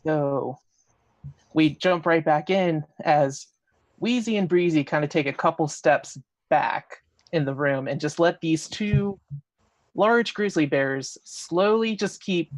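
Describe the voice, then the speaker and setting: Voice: medium pitch, slow, no room sound. A game master narrating a tabletop role-playing game in a casual, conversational storytelling manner.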